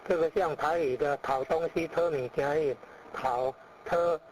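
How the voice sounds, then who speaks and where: A man's voice: on the high side, steady tone, measured pace, a little hiss or hum, low-quality recording. A man teaching pronunciation. He explains each sound by comparing it to everyday words and repeats it several times. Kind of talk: pronunciation lesson.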